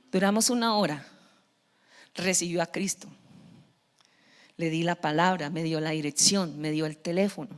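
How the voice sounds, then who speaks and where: A woman pastor, preaching a sermon and acting out the dialogue of the stories she tells. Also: medium pitch. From Colombia. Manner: storytelling with acted-out dialogue, laughing at her own story. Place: large church hall. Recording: long church-hall reverb.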